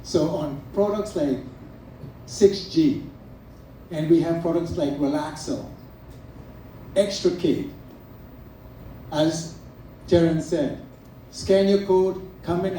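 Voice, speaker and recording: Addressing an audience in an event room, this middle-aged Trinidad and Tobago naturopath promotes products earnestly and emphatically, going through items one at a time. He sounds high, animated, and mellow, speaking slowly with frequent pauses, captured at a distance in an echoey space with faint noise.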